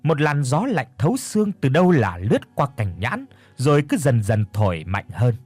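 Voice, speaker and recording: A man narrating a ghost story in a suspenseful, expressive way. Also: medium pitch, moderate pace, breathy edge, no room sound.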